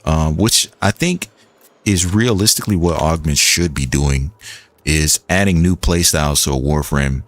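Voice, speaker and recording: A man's voice: very deep voice, moderate pace. A young man streaming a game and chatting in a loose, rambling way, full of restarts and "like". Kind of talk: casual gaming commentary.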